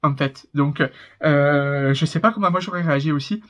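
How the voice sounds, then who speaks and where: Faint music plays behind a reaction YouTuber in his twenties, whose slightly high voice moves at normal speed. He is from southern France, carries its accent, and rambles casually, laughing a lot.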